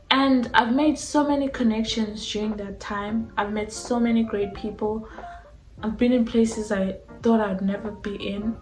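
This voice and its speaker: Twenty-something woman from south africa vlogging, slow easy rambling chat, roomy echo, soft music under it. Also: fairly high pitch, fairly even intonation. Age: 20s. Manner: chatty, rambling, lots of fillers. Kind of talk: casual talk to camera.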